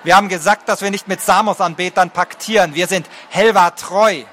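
A man reads a stern village father in a fantasy audiobook. The voice stays gruff and blunt, proud of his people, firm with his daughter. It sits high and bright, with faint outdoor noise behind. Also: steady tone, fairly quick.

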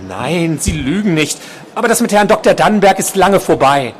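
A man's voice: medium pitch, moderate pace, a little hiss or hum, close to an everyday voice. A man voicing a frightened but composed female nurse who speaks firmly, while reading from his novel. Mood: tense firm. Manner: firm, controlled.

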